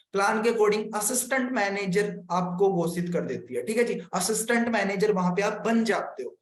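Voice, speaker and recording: A man from India, a business consultant, explaining a marketing plan on a live stream. He repeats his points and keeps checking that viewers follow. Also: sits high. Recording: echoey room.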